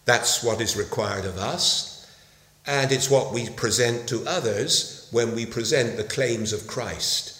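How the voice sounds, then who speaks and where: A man preaching a sermon in an unhurried, measured voice, leaning on each key word. He speaks at a middling pitch. His voice rings out in a roomy hall with a long reverb. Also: pushed and bright. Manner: slow, deliberate delivery with emphatic pauses.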